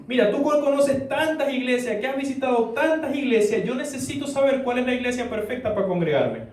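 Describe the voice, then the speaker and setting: A man's voice: extremely high pitch, fairly quick, darkish tone, a little hiss or hum. A man voicing a discontented young man who complains in an exasperated way about every church. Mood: complaining. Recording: echoey church room, distant mic.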